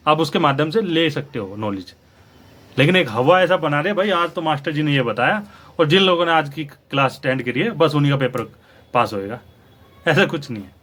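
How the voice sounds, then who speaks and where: Man, young adult, slightly high pitch, argumentative, lecturing commentary. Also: a bit bright. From India. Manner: lecturing, argumentative, addresses viewers directly. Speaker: news commentator. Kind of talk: opinionated commentary to camera.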